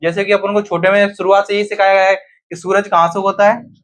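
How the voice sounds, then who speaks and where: A man's voice: high-pitched, little pitch movement, fairly quick, fairly bright tone. A man teaching a grammar lesson to a class, often asking students questions and then answering them himself.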